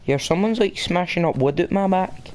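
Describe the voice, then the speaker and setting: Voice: mid-range voice, animated, normal speed, darkish tone. A streamer with a Scottish accent, bantering casually over a game with cheeky, slangy teasing. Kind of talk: casual banter while gaming on a livestream.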